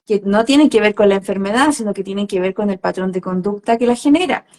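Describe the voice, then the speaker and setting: A woman, speaking as a holistic therapist in a calm, reflective conversational way, with many fillers and tag questions. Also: mid-range voice, fast. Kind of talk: conversational explanation.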